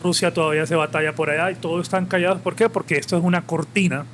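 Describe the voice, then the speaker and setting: Man, Colombian Caribbean coast accent, fairly high voice, live podcast guest, opinionated, rambling. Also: steady tone, fast, a bit bright, slight background noise. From Colombia, Caribbean coast (Santa Marta). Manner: impassioned, opinionated, rambling with restarts. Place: live podcast event with audience.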